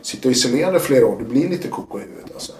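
A man, a guest telling his story in a casual interview, animated and acting out what people said. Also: mid-range voice, roomy sound. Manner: animated, acts out quotes with sudden loud bursts.

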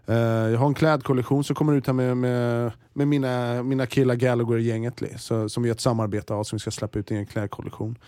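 A man in his forties in a casual interview, telling animated stories, swearing freely and restarting his sentences. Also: medium pitch, hardly any pauses, dry recording, studio quality. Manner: lively storyteller, swears freely, frequent restarts. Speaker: TV host and interviewee.

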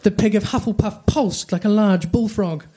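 Reading comic fan fiction aloud like a storybook, a man speaks at normal speed in a high-pitched, dark voice with a breathy edge, delivering it dramatically. Faint background noise and clicks can be heard.

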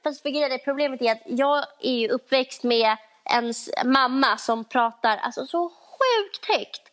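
A young woman co-hosting a podcast in casual chat, talking loudly and acting out voices in quotes. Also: sits high, fairly even intonation. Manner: chatty, acts out voices in quotes; talks loudly by habit. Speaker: podcast co-host.

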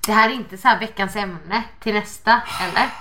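A woman co-hosting a podcast in casual chat, reacting quickly and often laughing. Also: medium pitch, sharp tone. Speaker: podcast co-host.

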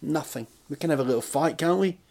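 Speaking fast with a high, slightly mellow voice, a touring comedian in his forties runs a solo podcast. The talk meanders casually, with hesitation, self-deprecation and frequent swearing.

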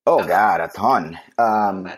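A man's voice: deep voice, slow, a crowd in the background. A man co-hosting a casual podcast chat, talking emphatically and laughing easily. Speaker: podcast co-host.

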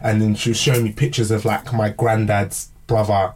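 A man's voice: on the low side, level tone, moderate pace, distant mic, slight background noise. A man co-hosting a podcast, telling stories in a laid-back way full of slang. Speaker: podcast co-host. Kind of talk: casual podcast discussion.

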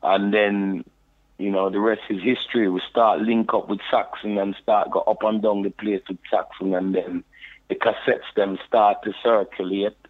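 Low-voiced man in patois over a phone. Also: normal speed. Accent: Jamaican patois, London. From United Kingdom. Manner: relaxed patois storytelling, frequent "you know". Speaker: podcast guest, reggae deejay. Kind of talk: casual interview storytelling. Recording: tinny phone line.

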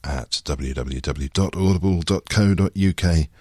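A man's voice: deep voice, unhurried, a little mellow, dry recording. A man hosting a podcast, with a dry, self-mocking manner and whispered asides. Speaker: podcast host. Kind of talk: podcast monologue.

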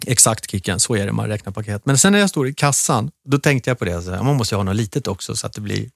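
A man's voice: on the low side, expressive, creaky, no echo. Thirties male co-host, easygoing and talkative, recorded dry. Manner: chatty storyteller, many restarts. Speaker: podcast co-host. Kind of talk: casual chat.

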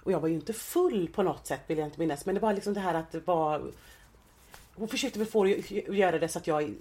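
A woman in her thirties, a guest in an interview, talking in a hesitant, halting way with many restarts. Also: on the low side, darkish tone. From Sweden. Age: 30s. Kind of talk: personal interview.

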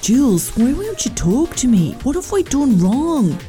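A woman's voice: high-pitched, big pitch swings, measured pace, warm tone, soft background music, voice pushed up. A woman voicing a pleading, apologetic teenage boy at a school disco, barely changing her own voice.

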